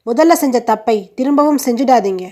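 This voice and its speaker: A woman's voice: sits high, lively intonation, brisk, darkish tone. A woman voicing a middle-aged aunt who speaks frankly and outspokenly.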